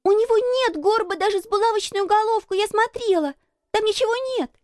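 A woman's voice: extremely high pitch, lively intonation, a little fast, dark tone, no echo, clean studio sound, voice pushed up. A woman voicing a stubborn, outspoken young girl who talks in an insistent, indignant way.

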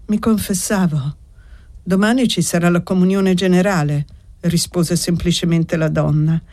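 A reader voicing Rachele, a gentle older woman of a fallen noble family, in an audiobook reading with soft, slow, measured speech. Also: medium pitch, fairly even intonation, close to an everyday voice. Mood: calm.

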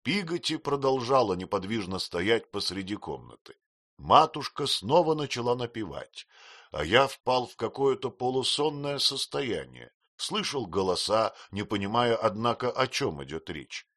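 A man narrating a literary audiobook in an expressive storytelling manner. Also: mid-range voice, moderate pace, no echo, studio quality.

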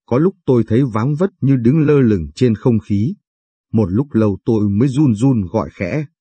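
A man narrating a late-night story reading in a slow, measured, confessional first-person manner, and hosting the reading channel. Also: fairly low pitch, dark tone, breathy edge, no echo. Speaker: story reader, channel host.

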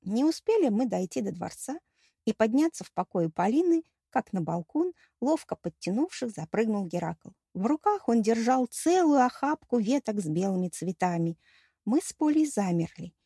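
A woman narrating a first-person audiobook in a wry, even storytelling manner. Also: a little high, moderate pace, husky, no echo, clean studio sound.

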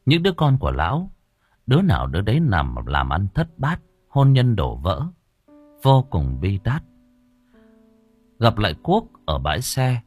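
Husky male audiobook narrator, expressive. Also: low voice, no room sound. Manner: expressive, dramatic reading. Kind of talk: first-person story narration.

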